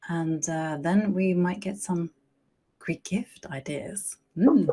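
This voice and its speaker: A woman's voice: lowish voice, takes it slowly, mellow. A woman streaming her chess games, chatting casually and thinking aloud as she plays. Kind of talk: casual live-stream commentary.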